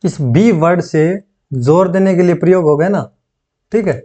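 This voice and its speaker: A man teaching an exam-prep grammar lesson, dictating slowly and repeating phrases so students can take notes, often checking in with them. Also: high-pitched, dark tone.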